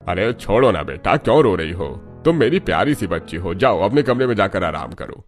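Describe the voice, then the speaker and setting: A man's voice: low-pitched, sing-song, fairly quick, soft background music. A man voicing an easygoing, indulgent middle-aged father in a cartoon, casual and placating.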